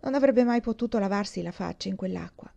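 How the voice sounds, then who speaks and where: An expressive female audiobook reader with a mellow, warm tone. She voices each child in the story with a raised pitch and drops back to a calm, even register for the narration. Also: quick pace, gravelly.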